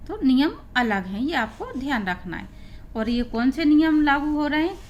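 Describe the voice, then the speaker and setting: A woman's voice: sits high, expressive, highs cut off. A woman teaching an English pronunciation lesson, explaining rules step by step and spelling out letters one by one. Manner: slow, deliberate, spelling out letters.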